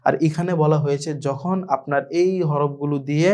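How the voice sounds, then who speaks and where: A man's voice: on the high side, steady tone, fairly quick, dark tone. A man with a Bangladeshi Bengali accent teaching an online Quran reading lesson, patiently repeating letters and words for learners to echo.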